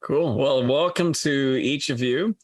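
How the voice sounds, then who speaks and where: A man of middle pitch hosts a podcast, sounding dry and close with no room around him. He talks conversationally, explaining ideas before posing his questions. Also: takes it slowly, dry recording. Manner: explanatory, with filler restarts. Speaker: podcast host. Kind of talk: conversational interviewing.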